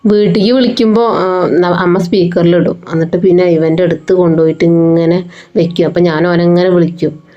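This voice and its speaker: A woman's voice: lowish voice, fairly even intonation, brisk. A woman, a mother narrating her family vlog in a chatty, homely way. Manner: chatty, homely storytelling with frequent fillers. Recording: slightly dull lo-fi sound, faint music behind.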